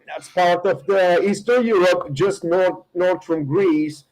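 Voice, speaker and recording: A middle-aged man with a Bulgarian accent, a guest in a casual podcast interview, speaking haltingly with many fillers and restarts. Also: high-pitched, fairly even intonation, darkish tone, low-quality recording. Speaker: guest, firearms instructor.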